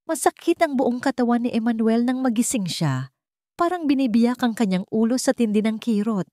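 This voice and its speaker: Reading as narrator of a scripted dramatic tale, a Filipino-accented woman speaks in a mid-range voice with a somewhat dark tone. The audio is studio quality, free of any room sound.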